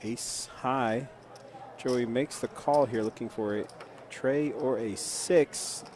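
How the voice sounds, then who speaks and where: A man doing live poker stream commentary in a low-key, hesitant way, with short, clipped play-by-play phrases. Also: slow pace, crowd noise.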